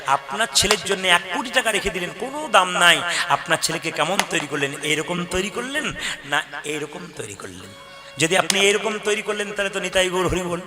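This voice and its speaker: Kirtan preacher, male, slightly high pitch, folksy direct address, live over clear music. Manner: folksy, addresses audience directly, acts out dialogues. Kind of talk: devotional kirtan sermon with singing.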